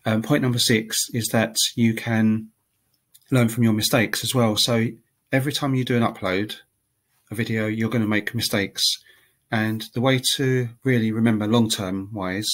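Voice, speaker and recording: Talking to camera at a normal speed in a lowish voice, a language-learning vlogger stays chatty and relaxed. He goes through numbered points, often saying um and restarting.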